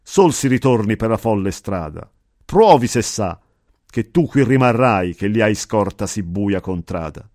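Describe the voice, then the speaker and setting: A man's voice: fairly low pitch, animated, unhurried, a little mellow, dry recording, clean studio sound. A man voicing a crowd of scornful fallen demons guarding a gate, in verse. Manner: scornful, haughty recitation.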